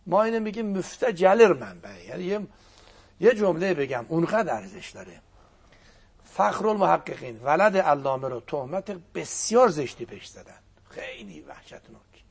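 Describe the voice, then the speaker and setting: An older man, a cleric whose first language is Azerbaijani Turkish, telling religious stories in an animated preaching manner with a husky, gravelly voice. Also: fairly high pitch. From Turkic-speaking region of Iran. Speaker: cleric guest speaker. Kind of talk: religious storytelling talk.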